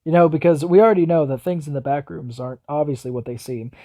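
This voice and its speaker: Mellow-voiced man reacting casually. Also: on the high side, quick pace. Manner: casual, musing, speculates aloud. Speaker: reaction video host.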